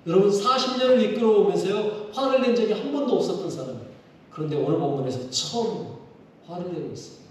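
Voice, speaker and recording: A male pastor preaching a sermon during a church service, animated and full of rhetorical questions put to the congregation. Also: sits high, fast talker. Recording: echoey hall from far off, faint noise.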